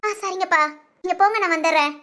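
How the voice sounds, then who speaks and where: Woman doing a grieving young woman, very high, soft and teary, for an audio drama. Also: fast. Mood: polite. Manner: soft, tearful and polite. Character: grieving young woman missing her father.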